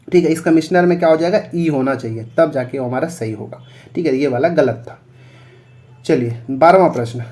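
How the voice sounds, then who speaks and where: A man's voice: on the high side, darkish tone. A male teacher explaining English spellings for exam preparation, spelling words out letter by letter and checking in often.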